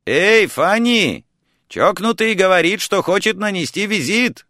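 A man voicing a loud, cheerful older landlady who shouts excited calls across a courtyard, in a storybook reading. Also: high voice, a little slow, dry recording, studio quality, voice pushed up, heavily acted. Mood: shouting.

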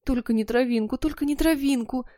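A woman voicing a mischievous, demanding schoolboy in an audiobook, shouting and whining. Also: high-pitched, fairly quick, dry recording, clean studio sound, pitched above the performer's own voice, natural voice.

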